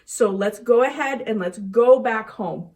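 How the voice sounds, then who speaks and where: A young woman teaching a children's church lesson, telling a Bible story in an animated, chatty way. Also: a little high, measured pace.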